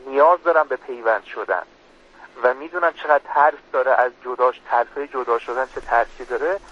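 A man's voice: medium pitch, fairly bright tone. A man speaking as a religious guest, earnestly explaining a prayer on a radio program. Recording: dull lo-fi radio sound.

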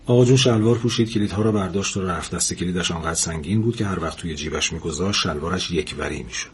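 A man reading a novel aloud in a calm, steady audiobook narration. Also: low voice, slight background noise.

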